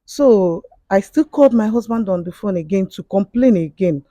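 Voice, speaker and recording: A woman tells her story in a halting way, stopping often to restart her sentences. Her voice has a mellow, darker tone at a middle pitch. The sound is dry and close. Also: animated, dry recording. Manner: halting, with frequent fillers and restarts. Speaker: confessing guest. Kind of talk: emotional spoken testimony.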